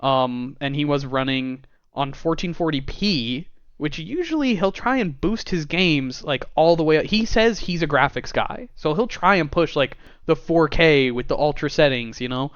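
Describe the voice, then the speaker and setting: A man's voice: on the high side, animated, normal speed, clean tone, no echo. A man co-hosting a gaming podcast in casual chat, laughing often and reading quotes aloud. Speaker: podcast co-host. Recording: dull dry podcast mic.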